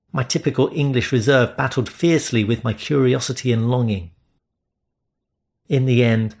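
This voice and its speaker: A man reading first-person romance narration in a steady, measured way. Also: mid-range voice. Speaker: audiobook narrator.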